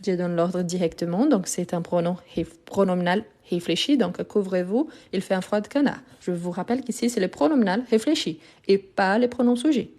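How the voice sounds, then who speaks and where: A woman with a mellow, warm voice teaches grammar on a live stream. She explains patiently and repeats the key words. Her voice comes through a phone microphone. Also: medium pitch, fairly quick, few pauses. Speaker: French teacher. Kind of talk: live online grammar lesson.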